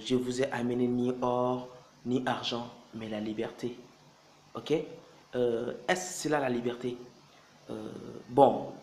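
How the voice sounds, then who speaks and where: Roomy echo, faint background noise, man, mid-pitched, political commentary, halting delivery, rhetorical questions. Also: darkish tone. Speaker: political commentator addressing the public. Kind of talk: informal spoken political address.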